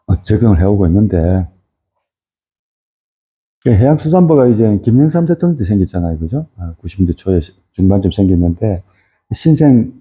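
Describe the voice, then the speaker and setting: A middle-aged man giving an informal lecture on fisheries, rambling with many fillers and tag questions. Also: on the low side. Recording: tinny phone-like audio.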